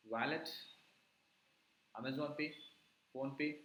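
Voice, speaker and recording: A man's voice: medium pitch, steady tone, slow, a bit bright. Indian-accented man teaching in an echoey room. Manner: repeats words and tags questions with okay. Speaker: web development instructor. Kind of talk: casual teaching and class chat. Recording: echoey room with background noise.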